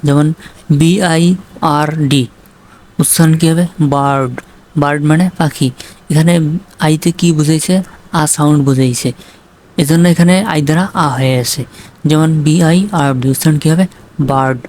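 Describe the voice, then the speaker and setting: A man's voice: fairly high pitch, steady tone, normal speed, long pauses, darkish tone. Man teaching spelling, quizzing himself. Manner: asks questions then answers them himself; spells words out letter by letter. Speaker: English teacher. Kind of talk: spelling and pronunciation lesson.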